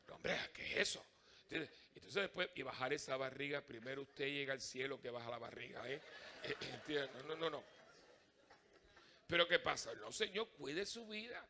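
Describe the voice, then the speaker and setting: Bright-voiced lively priest giving a homily. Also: male voice, fairly high pitch. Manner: animated and humorous, acts out little dialogues and asks the congregation questions. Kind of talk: conversational Sunday homily. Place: church.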